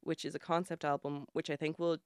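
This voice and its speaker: Young woman chatting away on radio, smooth voice, laughs a lot. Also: low-pitched, little pitch movement, brisk, darkish tone, no echo, clean studio sound. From Ireland. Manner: chatty, laughs often, many fillers. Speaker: guest journalist. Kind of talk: casual radio chat.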